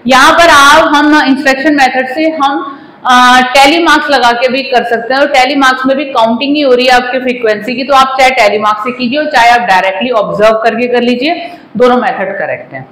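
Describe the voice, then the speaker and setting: This woman's voice is high, a bit bright, and a little fast. She is a commerce teacher in her forties, working through a maths lesson at the classroom whiteboard with polite remarks to students and some English phrases mixed in. The lapel-mic recording carries the classroom's echo.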